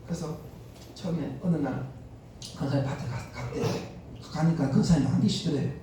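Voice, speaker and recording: A male pastor preaching a sermon, an animated storyteller who acts out the speech of the people in his stories. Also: on the high side, brisk. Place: church sanctuary. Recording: echoey church hall, distant mic, faint noise.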